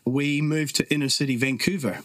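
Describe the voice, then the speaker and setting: Brisk and a bit bright, this man's voice sits on the high side with fairly even intonation, captured in a dry recording. He is a middle-aged podcast guest with a New Zealand accent, earnestly and reflectively telling casual stories peppered with fillers.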